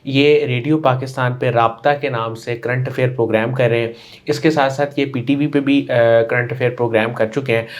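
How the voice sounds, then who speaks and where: A man's voice: mid-range voice, steady tone, few pauses. A man hosting an interview show, introducing his guest and asking polite, formal questions. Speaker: interview host.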